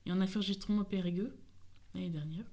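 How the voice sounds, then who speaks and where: A woman asking interview questions and recounting a project in a halting, casual way. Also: medium pitch, steady tone, dark tone. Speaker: resident interviewer. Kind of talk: conversational interview.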